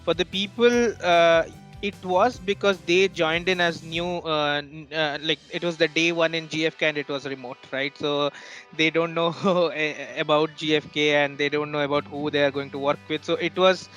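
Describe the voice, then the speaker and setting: A man from India talking about his work in a casual team meeting, with many pauses and fillers. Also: fairly high pitch, fairly even intonation, a bit bright, soft background music. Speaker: team member.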